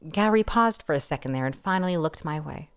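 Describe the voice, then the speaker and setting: A streamer with a fairly low voice narrates a novel aloud, brisk and smooth. She reads expressively and wryly, dropping playful, casual asides along the way.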